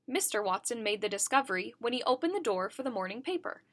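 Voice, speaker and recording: A woman reads a children's picture book aloud with a bright, lively tone. Her voice sits a touch high and she gives each character a little voice of its own. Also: fast talker. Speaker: reader. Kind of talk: children's story read-aloud.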